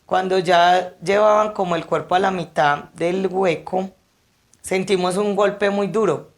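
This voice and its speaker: A woman's voice: on the low side, a little slow. A woman who works at funerals, telling anecdotes in an interview and animatedly acting out the people in them. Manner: animated, acts out quotes. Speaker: funeral service worker.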